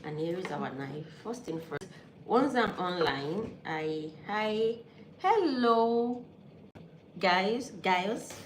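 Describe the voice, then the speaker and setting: A Nigerian vlogger whose first language is Yoruba chats with live viewers during a casual cooking vlog in her home kitchen. Her voice is on the low side, slow and animated, and she's chatty, easygoing and thinking aloud while sneezing from a pollen allergy. The kitchen is echoey, with loud background noise.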